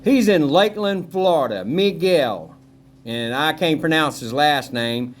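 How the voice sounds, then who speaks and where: Man vlogger, rambling and defiant, slightly high voice, handheld camera outdoors, cigar in mouth. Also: animated, a little slow, slight background noise. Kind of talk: casual walking vlog tour. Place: outdoors at a rural family home.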